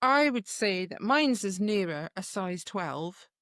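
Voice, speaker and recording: A woman's voice: medium pitch, slow, no room sound, clean studio sound. Laughing, chatty middle-aged woman host. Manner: chatty, laughs often, animated. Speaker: podcast co-host. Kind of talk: casual chat.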